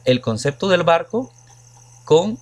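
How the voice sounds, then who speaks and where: Slow and sing-song, on the high side, a Mexican man teaches logic in a recorded lecture to students. He patiently explains with many examples and keeps asking the class questions.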